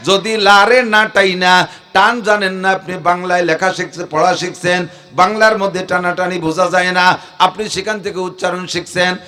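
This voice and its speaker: High sharp-voiced preacher guy, fiery sermon, chants arabic verses. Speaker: Islamic preacher.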